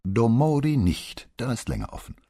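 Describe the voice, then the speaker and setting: Man doing a middle-aged wife, sharp-tongued, exasperated, raised husky voice, lively pitch, audiobook. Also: moderate pace. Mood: brisk. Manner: exasperated, scolding. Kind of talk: audiobook character voice.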